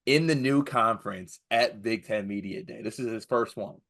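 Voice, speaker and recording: A man with an American accent and a somewhat low voice chats casually about sports as a co-host. His delivery is conversational and wry, circling back to repeat phrases for effect. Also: moderate pace, a bit bright.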